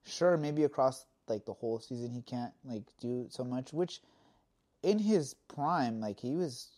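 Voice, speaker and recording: A man's voice: mid-range voice, lively intonation, unhurried, dark tone. A young man co-hosting a casual sports podcast, talking in loose rambling sentences full of "like" and laughing often. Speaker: podcast co-host.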